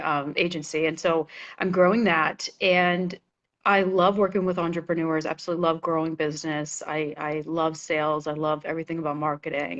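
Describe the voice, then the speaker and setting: A middle-aged woman from Massachusetts speaks in a fairly low voice, chatting eagerly as a guest in a live interview. She laughs easily and trips over restarts and fillers. The video call audio sounds dull and lo-fi. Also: fairly bright tone. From Massachusetts, USA. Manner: enthusiastic, laughs often, many fillers and restarts. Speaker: guest, marketing agency owner.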